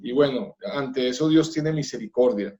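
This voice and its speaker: A man's voice: mid-range voice, normal speed, mellow. A man from Colombia, a pastor, speaking earnestly about family in a church workshop talk, with light laughs.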